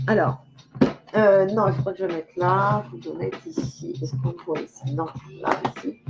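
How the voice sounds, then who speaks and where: A woman's voice: mid-range voice, moderate pace, lo-fi sound, over music. Chatty, giggly older woman medium. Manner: chatty, giggly, talks directly to viewers. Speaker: clairvoyant medium hosting a live stream. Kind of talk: casual live-stream chat.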